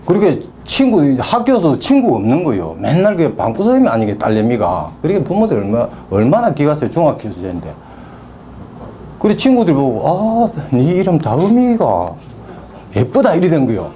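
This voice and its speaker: Speaking a little fast with wildly swooping pitch, this middle-aged man has a fairly high, mellow voice and a Gyeongsang Korean accent. In casual talk he recounts stories from his naming-consultant work, drifting into rambling asides, against slight background noise.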